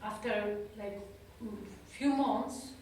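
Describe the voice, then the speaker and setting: A European psychotherapist, her voice medium in pitch with a darkish tone, delivers a personal talk to listeners in an institute talk room. She goes slowly, pausing to search for words in a second language. A distant microphone leaves lots of room echo and a faint hiss.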